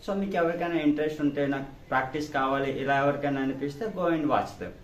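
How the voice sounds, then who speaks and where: A man with a Telugu Indian accent teaching spoken English, saying each sentence quickly in Telugu and then repeating the English translation slowly and clearly. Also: fairly high pitch, fairly even intonation, reverberant. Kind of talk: language lesson, reading sentences.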